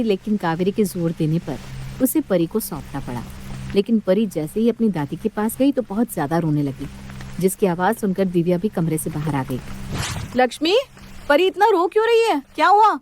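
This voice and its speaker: A woman narrating a storybook cartoon in a plain, measured way. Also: fairly low pitch, animated, mellow, a little hiss or hum.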